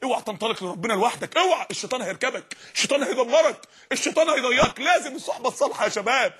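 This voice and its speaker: A man with an Egyptian Arabic accent preaching an impassioned sermon, often shouting. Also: very high-pitched, animated, rapid-fire, breathy edge.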